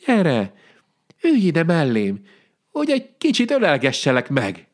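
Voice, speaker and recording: A man voicing a merry, fearless young princess in a folk tale, in a much higher voice than his own. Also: huge pitch swings.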